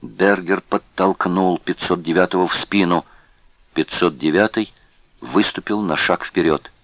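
A man narrating an audiobook in a grave, measured reading. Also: sits low, steady tone, no echo. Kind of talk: scripted narration.

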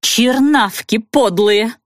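A woman reading an audiobook voices a hysterical, self-pitying young noblewoman with shrill, sobbing outbursts. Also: slow, no echo, clean studio sound. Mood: shrieking.

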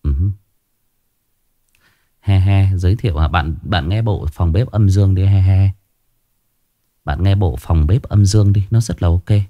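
A man's voice: low-pitched, unhurried, long pauses, lo-fi sound. A man, hosting a ghost story channel and chatting casually with his viewers on a livestream. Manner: chatty, addresses viewers as younger brothers, gets agitated and shouting.

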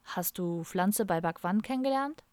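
A woman's voice: medium pitch, expressive, normal speed, a little mellow, no echo, natural voice. A woman voicing an idealistic hippie man who asks curious, surprised questions.

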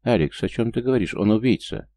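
A man's voice: fairly low pitch, animated, quick pace, mellow, voice pushed up. A man reading an audiobook, voicing a young princess and pregnant wife who is frightened, accusing and pleading. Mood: upset, accusing.

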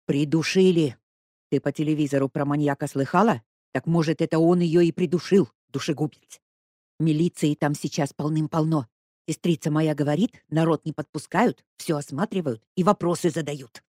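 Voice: medium pitch, steady tone, normal speed, warm tone, no room sound, close to an everyday voice. Gossiping old woman, voiced by a narrator, folksy and eager; dry recording.

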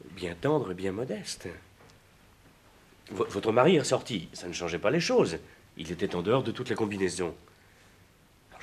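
An actor playing an anxious, jealous young lover who stammers and pleads in 1950s French stage style. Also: male voice, low-pitched, slight background noise. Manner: stammering, pleading, rising to indignant outbursts.

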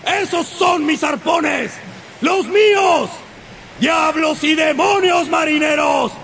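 A man's voice: extremely high pitch, takes it slowly, creaky, a bit bright, shouting, full character voice. An actor playing a vengeful one-legged sea captain in a radio drama, roaring and commanding his crew. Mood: furious. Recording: radio drama with crowd and sound effects.

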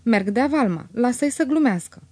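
A woman's voice: on the high side, lively intonation, darkish tone, no room sound, pitched above the performer's own voice. A woman voicing a brash, meddling young man who declaims boisterously in an audiobook reading.

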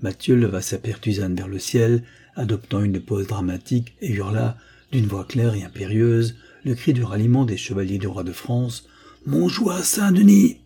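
A male audiobook narrator reading in a measured, expressive way. His voice is low and slightly husky, with a dark, mellow color. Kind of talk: scripted narration.

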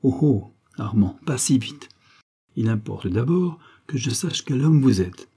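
A man's voice: mid-range voice, expressive, measured pace, warm tone, husky. A man voicing a poised, ironic young foreign woman who teases her suitor. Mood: teasing. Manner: mocking, poised, teasing.

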